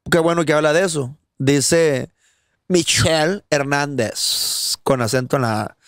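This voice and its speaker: A young Mexican man with a Mexican accent jokes and teases through a casual podcast, his voice on the high side. He reads viewer comments aloud between crude wisecracks, recorded dry and close. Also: moderate pace, no room sound. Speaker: podcast co-host.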